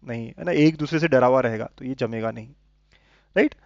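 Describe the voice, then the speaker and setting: A man's voice: medium pitch, fairly quick, creaky, dry recording. A man teaching a maths lesson to students, explaining step by step and checking often that they follow. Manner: coaxing, keeps checking understanding with tag questions. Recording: dull lo-fi sound, dry.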